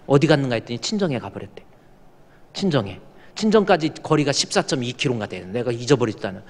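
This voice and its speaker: A man's voice: medium pitch, animated, fast. A man preaching a sermon as pastor, telling folksy stories and coaxing the congregation to answer him. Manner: folksy storytelling, quotes others, coaxes congregation to respond. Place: church sanctuary. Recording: long reverb of a church hall.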